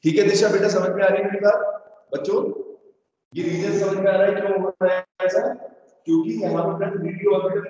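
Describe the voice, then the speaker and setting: A man's voice: high-pitched, level tone, fast talker, a little mellow, a little hiss or hum. A male teacher in an online class, quizzing his students in sing-song prompts, his voice carrying the heavy echo of a big empty room. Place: large empty room with doors open. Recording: echoey empty hall, distant dull mic.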